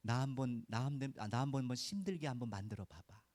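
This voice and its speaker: Fast and darkish in tone, a mid-range male voice preaches a chatty Sunday sermon on a dry recording. The pastor's manner is folksy and informal, and he often fires off short rhetorical questions, prompting his listeners to answer.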